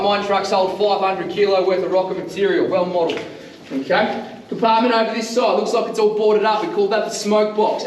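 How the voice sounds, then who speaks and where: An Australian man works as a tour guide, using a loud teacher voice that is pitched a little high. His patter is informal and jokey, and it rings around an echoey underground space, picked up slightly away from the mic. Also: distant mic, slight background noise. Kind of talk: guided tour talk to a group. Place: underground mine tunnel.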